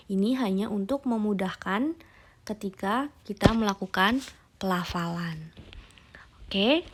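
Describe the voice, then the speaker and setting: A young adult woman teaching a recorded language lesson, explaining tones patiently and modelling each syllable aloud. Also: medium pitch. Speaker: Mandarin teacher.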